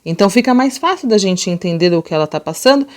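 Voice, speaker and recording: A woman teacher with a Brazilian Portuguese accent, explaining a lesson to young children and slowly sounding out words. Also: medium pitch, animated. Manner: slow, drawn-out sounding out of words; gentle, patient explaining to children. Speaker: primary school teacher. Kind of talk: remote class lesson.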